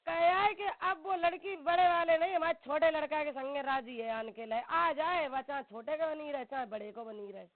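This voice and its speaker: Over a narrowband telephone recording, a middle-aged mother with a rural western Uttar Pradesh accent argues heatedly in a family dispute, accusing the other party and cutting in often. Her voice sits high, and she talks at normal speed with few pauses.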